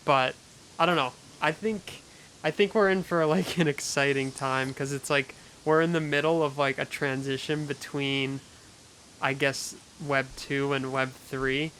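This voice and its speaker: A man's voice: mid-range voice, steady tone, a little slow, sharp tone, low-quality recording. A man hosting a podcast interview in casual chat, laid-back and full of "like". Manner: laid-back, heavy use of "like". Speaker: podcast host. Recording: faint hiss.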